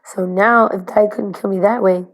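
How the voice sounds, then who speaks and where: A woman's voice: mid-range voice, steady tone, normal speed. A woman talking to her camera in a casual confessional video diary, anxious and rambling, with many fillers and restarts. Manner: swears bluntly. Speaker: vlogger recording video diaries.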